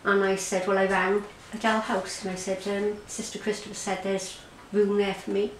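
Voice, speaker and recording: Speaking in a level, mid-range voice, a woman from Ireland gives a conversational interview about her own experience, frequently stopping short and saying words twice. The space around her is roomy and echoing, with faint background hiss.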